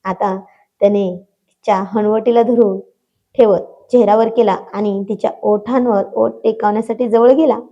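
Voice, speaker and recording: A woman narrating a romantic audio story in a gentle, expressive storytelling manner. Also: medium pitch, normal speed, lo-fi sound. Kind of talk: scripted narration.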